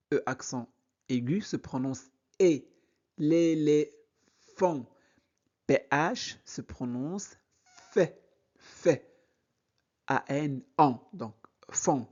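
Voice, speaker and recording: A man teaching French reading, saying each word slowly, spelling out letters and repeating syllables for learners. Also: on the high side, a little mellow, muffled recording. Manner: very slow, syllable by syllable, repeating words. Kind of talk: slow reading lesson, spelling out sounds.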